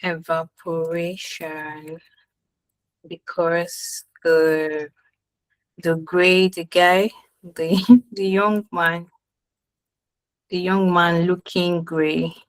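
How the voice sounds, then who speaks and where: A woman with a lower voice hosts a live online lesson, speaking very slowly as she echoes each dictated phrase while typing it in. Her voice sounds dry and close. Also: flat delivery, clear, resonant tone. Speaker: session host. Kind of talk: live online teaching demo.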